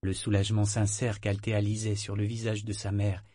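A man narrating an audiobook in a measured, expressive reading. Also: fairly low pitch, dry recording, clean studio sound. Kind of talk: scripted narration.

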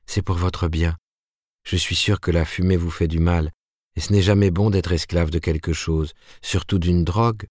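A man reading aloud, voicing a gentle young woman who speaks in a soft, coaxing, earnest way. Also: sits low, steady tone, normal speed, dry recording, clean studio sound.

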